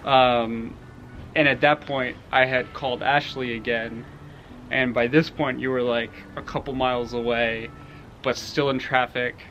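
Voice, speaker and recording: A young man casually telling a story about his homestead, animated and laughing at times. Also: mid-range voice, measured pace, dull audio, soft background music. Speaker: homestead vlogger.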